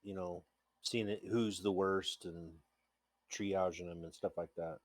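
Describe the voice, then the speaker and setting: A man playing in a tabletop game, speaking quietly and quickly about his character's actions. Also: sits low, steady tone. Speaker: player. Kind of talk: casual chat at the game table.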